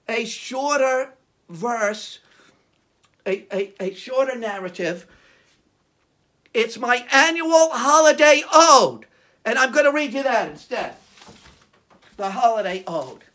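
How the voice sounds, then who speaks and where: A man's voice: high-pitched, a bit bright. An older man performing as a children's entertainer, with the hammy, theatrical comic patter of a kids' party magician playing to his audience. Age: older, around 70s. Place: small home room with low beamed ceiling.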